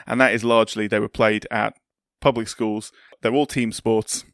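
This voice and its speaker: A man's voice: lowish voice, flat delivery, normal speed, no echo, clean studio sound. A man chatting casually as a podcast host. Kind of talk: casual chat.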